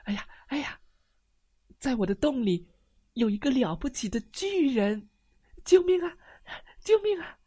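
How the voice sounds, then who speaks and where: A frightened little rabbit squeals for help in a very high, jumpy voice. It is a bedtime storybook animal, loud and shrill, its pitch leaping all over. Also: male voice, very animated, measured pace, pauses often, husky, no echo, clean studio sound, exaggerated voice. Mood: panicked. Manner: shrill panicked cries.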